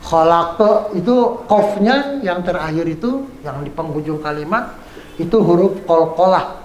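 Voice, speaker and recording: Guy teaching quran recitation, highish voice, slow and patient, echoey room. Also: darkish tone, slight background noise. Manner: patient, repeats examples slowly, chants verses. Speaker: Islamic teacher. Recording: echoey room with faint ambience.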